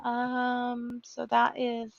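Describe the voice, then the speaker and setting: A woman's voice: fairly high pitch, completely flat delivery, very slow, vocal fry, dull audio, soft background music. A woman hosting a writing livestream, chatting casually, rambling with fillers and giggles, and sleepy. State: sleepy, yawning. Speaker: livestream host.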